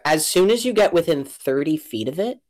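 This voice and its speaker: A woman narrating a tabletop game as game master, casual and halting as she thinks aloud. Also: low-pitched, animated, a little mellow.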